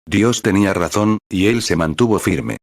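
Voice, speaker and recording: A man reading a translated sermon in a steady, solemn way. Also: fairly low pitch, moderate pace, dry recording. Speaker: sermon reader.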